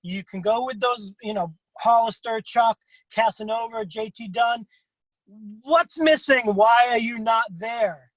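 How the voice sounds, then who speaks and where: A man hosting a casual interview over a video call who swears freely and jumps into excited voices when he quotes other wrestlers. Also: unhurried, dry recording, rough recording. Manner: profane, swears freely in anecdotes; acts out quotes with big pitch jumps. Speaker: interview host.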